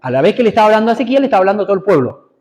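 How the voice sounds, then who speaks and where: A man's voice: high-pitched, big pitch swings, rapid-fire, a little mellow, in a large hall, highs cut off. A man preaching a sermon with a Rioplatense Spanish accent, emphatic and speaking straight to his congregation. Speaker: apostle preaching. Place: church hall.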